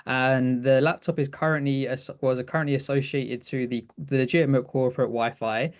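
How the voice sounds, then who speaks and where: A man's voice: medium pitch, steady tone, fairly quick. A man co-presenting a webinar, chatting casually through a technical demo with frequent restarts and easy laughs. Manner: chatty, self-correcting, laughs easily.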